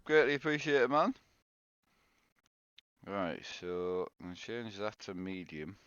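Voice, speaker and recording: On a live game stream, a tired-sounding man with a cold chats casually and greets viewers by name. His fairly low, smooth voice is very animated yet unhurried. The recording is dry with the highs cut off, and there's loud background noise.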